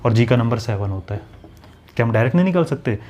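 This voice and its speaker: Hindi-speaking teacher explaining step by step. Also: male voice, medium pitch, expressive, quick pace, darkish tone. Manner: explains step by step, often checks "clear?" with students. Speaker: maths and reasoning teacher. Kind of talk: online exam-prep lesson.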